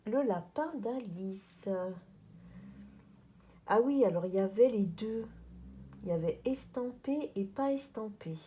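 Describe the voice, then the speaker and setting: Slow, mellow-voiced French woman vlogger. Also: on the high side, expressive, a little hiss or hum. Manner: chatty, hesitant, addresses viewers directly. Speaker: craft vlogger. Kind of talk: casual unboxing chat.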